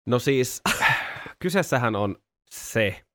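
A man's voice: mid-range voice, expressive, fairly bright tone, no room sound, clean studio sound. A man co-hosting a podcast, explaining things in an easygoing, casual way. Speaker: podcast co-host. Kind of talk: casual chat.

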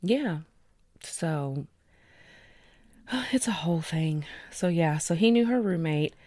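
Woman, lowish voice, dry close sound, chatty podcast storyteller. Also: expressive, a little mellow, no room sound. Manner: conversational, chatty with fillers, reads details slowly. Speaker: podcast co-host presenting cases. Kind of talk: casual true-crime podcast chat.

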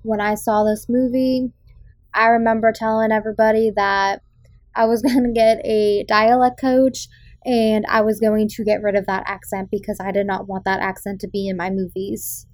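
Hosting a casual movie review podcast, this young woman from the South Shore of Massachusetts has a faint Boston accent and a chatty, opinionated style full of ums. She speaks at a normal speed in a mid-range, darkish voice with little pitch movement, captured in a dry recording.

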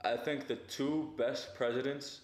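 A man's voice: mid-range voice, steady tone, unhurried. Young male co-host, jokey and profane, loose banter, echoey room. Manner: joking, profane, rambling asides. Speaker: podcast co-host. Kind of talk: casual chat.

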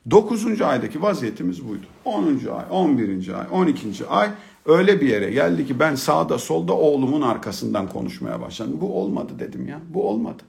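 Middle-aged male storyteller: gravelly voice, very animated delivery, humorous and colloquial, drops to hushed tones then gets excited. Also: fairly high pitch, quick pace. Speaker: speaker telling a personal story about fatherhood. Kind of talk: storytelling talk.

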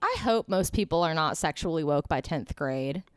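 A woman co-hosting a podcast in easy, giggly conversation. Her pitch moves a lot as she talks, and she throws in quick asides. The sound is dry and close. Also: lively intonation, clear, resonant tone, dry recording. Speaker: podcast co-host. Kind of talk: casual chat.

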